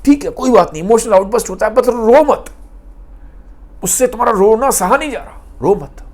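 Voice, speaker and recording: A man voicing a young woman who gently comforts a crying man, speaking in a reassuring way. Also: a little high, very animated, fairly quick, slightly rough. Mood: soothing. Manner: gentle, reassuring, mixes in English.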